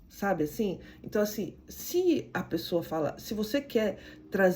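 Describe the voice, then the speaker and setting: A woman with a Brazilian accent leads a lively motivational lesson on communication. Her speech sits at a middle pitch. She often ends phrases with a questioning tag and readily slips into the voices of the people she describes. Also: slight background noise. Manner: animated, frequent "né?" tags, acts out quoted voices. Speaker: communication coach. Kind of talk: motivational teaching talk.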